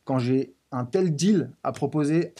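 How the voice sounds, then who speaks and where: Man, guest in studio, husky and mellow, lively talker. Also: mid-range voice, a little slow. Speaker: pizza business founder, guest. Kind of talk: casual studio interview.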